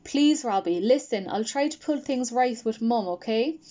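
A woman reading a worried father who gently pleads with his son. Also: on the high side, expressive, normal speed, lo-fi sound, natural voice. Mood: pleading. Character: worried tender father of a boy.

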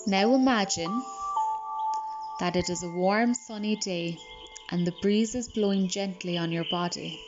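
A woman reading a guided relaxation script in a soft, soothing manner. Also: mid-range voice, measured pace. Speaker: meditation guide. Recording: slightly dull recording. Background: calm music and birdsong.

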